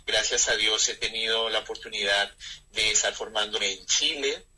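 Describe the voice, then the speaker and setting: This is a man in his thirties with a Colombian accent, a friar answering an interviewer on the radio. His voice is strikingly bright and husky, with a raspy grain. He talks in a measured, reflective way, often pausing to find his words. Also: lowish voice, steady tone, poor audio. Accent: Colombian Spanish. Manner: reflective, measured, with frequent hesitations. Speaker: Carmelite friar. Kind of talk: interview conversation.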